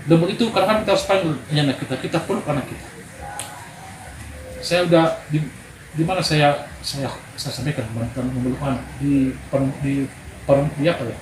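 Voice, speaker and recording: Man, sermon, animated storyteller, calls for amen, raised pitch, roomy echo. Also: brisk. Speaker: preacher at a men's gathering. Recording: echoey room with background noise.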